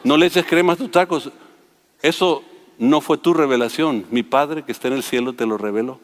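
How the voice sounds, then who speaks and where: A man with a Mexican accent voicing Jesus as a calm teacher gently joking with his disciple, heard with long hall reverb. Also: mid-range voice, moderate pace, pitched below the performer's own voice, lightly acted. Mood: calm, teasing. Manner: easygoing, joking.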